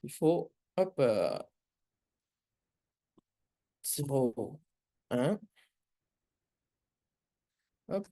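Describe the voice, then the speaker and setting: Slow, halting man with foreign accent in French. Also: on the high side, sing-song, warm tone. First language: not French. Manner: halting, searching for words, frequent hesitations. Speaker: programming instructor. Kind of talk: live coding lesson, explaining an exercise.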